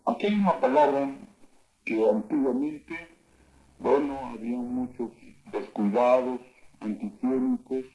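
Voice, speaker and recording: A man teaching words of an old local language, saying each word slowly and loudly and then explaining its meaning. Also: medium pitch, rough recording. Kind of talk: spoken vocabulary lesson.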